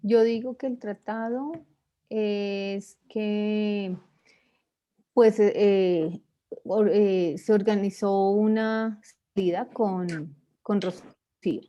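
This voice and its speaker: A woman student giving a hesitant, halting answer in class over a video call. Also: medium pitch, steady tone, dark tone, lo-fi sound.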